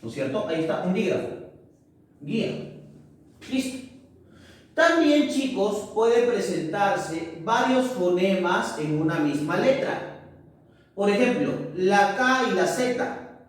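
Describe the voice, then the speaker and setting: A male teacher giving a classroom lesson, often checking in with tag questions and pausing with fillers. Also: high-pitched, sing-song. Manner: hesitant, with many fillers. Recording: echoey room, far from mic.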